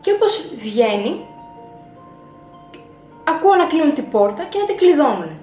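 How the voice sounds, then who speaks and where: A young woman with a fairly high voice tells a personal story to her vlog audience. She dramatizes her past self as she retells it. The room rings with echo, and soft music plays faintly behind her. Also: big pitch swings, muffled recording. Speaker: vlogger.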